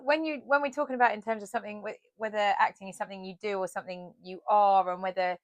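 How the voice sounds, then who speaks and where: A woman who acts and works as a counsellor, co-hosting a casual chat in a thoughtful, measured way. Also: medium pitch, fairly even intonation, no room sound. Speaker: podcast co-host, actor and counsellor.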